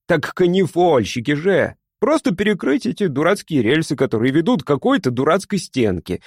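A man doing a frantic, shouting young inventor. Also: big pitch swings, husky, no room sound, studio quality, full character voice. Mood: excited. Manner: shouting, high-strung, rushing. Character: excitable young man, feverish inventor type.

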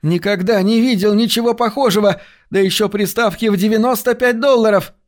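A man voicing an excitable, short male bookie who chatters eagerly in a raised voice. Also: high voice, normal speed, voice pushed up, lightly acted. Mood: excited.

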